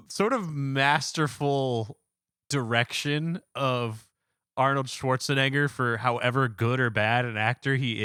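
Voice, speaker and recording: Podcast co-host, man, bright tense voice, hesitant musing delivery, dry close mic. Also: mid-range voice, clear, resonant tone, dry recording. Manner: hesitant, filler-heavy musing. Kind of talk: casual podcast chat.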